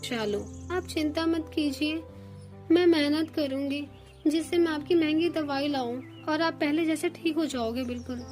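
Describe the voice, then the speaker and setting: Woman voicing a soft tearful sparrow wife. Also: high-pitched, moderate pace, faint music behind, natural voice. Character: devoted young female sparrow wife, anxious.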